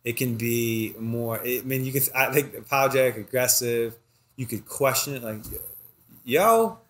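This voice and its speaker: A man's voice: mid-range voice, flat delivery, moderate pace. A man from Philadelphia with a Philadelphia accent and a stuffy nose, chatting as a podcast guest and explaining things with lots of examples and restarts. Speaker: guest, restaurant food and beverage director. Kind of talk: casual podcast conversation.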